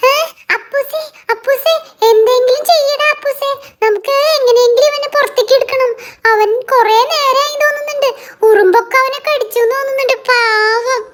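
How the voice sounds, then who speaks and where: A woman voicing an excitable little girl doll in a children's doll story, talking in an anxious, pleading way. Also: very high voice, normal speed, noisy background.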